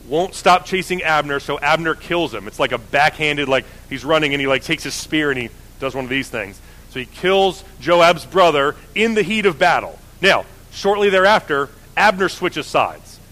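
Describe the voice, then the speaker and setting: A man's voice: on the high side, lively intonation, moderate pace, pushed and bright, rough recording. A man teaching the Bible in a casual, conversational way, often correcting himself. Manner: conversational, self-correcting, many fillers.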